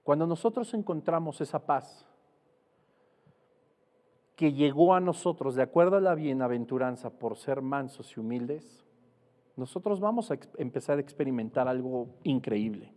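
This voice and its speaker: A man's voice: medium pitch, lively intonation, moderate pace, dark tone, in a large hall. A man preaching a sermon, teaching earnestly and asking rhetorical questions.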